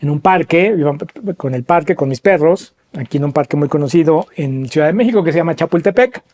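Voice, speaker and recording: Hosting a podcast, a man tells a story and poses rhetorical questions to listeners while explaining, acting out quoted voices with jumps in pitch. He speaks a little fast, with lively intonation and a slightly mellow tone.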